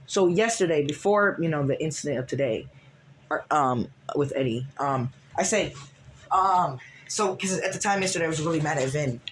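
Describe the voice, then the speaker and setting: Vlogger guy, slightly high voice, rambling storytime with restarts, faint noise behind. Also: lively intonation, normal speed, a bit bright. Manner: rambling, lots of restarts and fillers. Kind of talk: casual storytime recap.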